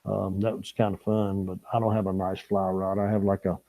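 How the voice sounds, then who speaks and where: A man's voice: low-pitched, flat delivery, fairly quick, mellow, poor audio. A man hosting a fishing channel live stream, chatting casually with viewers and reading their comments, rambling and chuckling as he talks. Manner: rambling and chuckling, reads chat comments aloud. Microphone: small camera mic or lapel.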